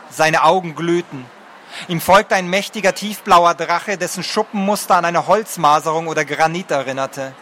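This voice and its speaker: A man narrates a fantasy audiobook in a measured, expressive reading. His voice is fairly high and bright. Faint outdoor noise sits behind him.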